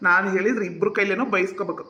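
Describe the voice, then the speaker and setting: A man's voice: high voice, fairly even intonation, very fast, sharp tone, reverberant, lo-fi sound. A man with a North Karnataka Kannada accent, teasing and joking in a village comedy skit.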